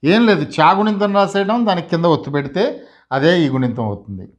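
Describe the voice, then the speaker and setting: A man's voice: fairly high pitch, sing-song. Man teaching script, sounding out syllables. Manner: sounds out syllables slowly and repeats them. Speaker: Telugu teacher. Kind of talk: slow classroom lesson.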